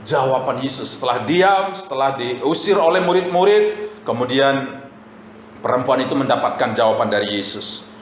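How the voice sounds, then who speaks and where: A man preaching a sermon to his congregation, telling lively stories and often repeating a tag phrase to the listeners. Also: medium pitch, normal speed, a little hiss or hum. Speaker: pastor. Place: church sanctuary. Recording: echoey church hall, faint ambience.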